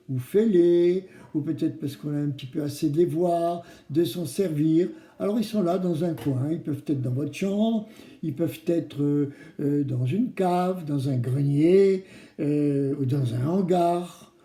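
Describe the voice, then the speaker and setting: Talking to children on his kids craft show, a male host coaxes them along with simple explanations and questions. His voice runs on the high side with a dark tone, and the room sounds roomy and echoey.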